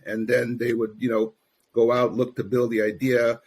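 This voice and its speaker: A man's voice: mid-range voice, flat delivery, moderate pace, darkish tone, slightly rough. A middle-aged man from Grenada, a guest in a casual interview, talking easily with many fillers. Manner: easygoing, many fillers like "you know" and "um". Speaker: guest, investment firm founder.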